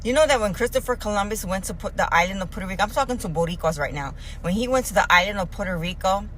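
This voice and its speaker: A woman's voice: medium pitch, animated, very fast, fairly bright tone, slight background noise, low-quality recording. A woman delivering an angry, profane rant straight at her audience, cursing and accusing. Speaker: social media commentator.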